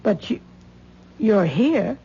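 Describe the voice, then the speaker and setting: This actress, heavily acted, voices an anxious middle-aged mother in a 1970s radio drama, fretfully coaxing her grown daughter. Her mid-range delivery is sing-song and slow, with a creaky, mellow, husky quality. The recording has the dull sound of an old radio broadcast.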